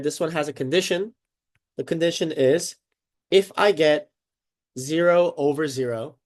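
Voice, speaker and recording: Congested and sniffling, a man with a somewhat high voice teaches a casual math lesson at a board. He's upbeat and chatty, frequently checking in with "okay" and "right?".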